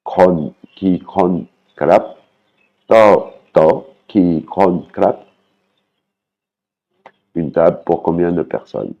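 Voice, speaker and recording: A man's voice: low-pitched, very slow, vocal fry, long pauses, dull audio. A man teaching a language lesson, patiently repeating words and singing out their tones.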